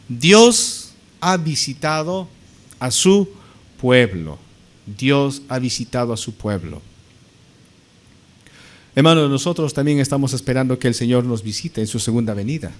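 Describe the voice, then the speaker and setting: A male pastor preaching a sermon, emphatic and fond of rhetorical questions to the congregation, whom he calls brothers. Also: mid-range voice. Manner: addresses listeners as brothers.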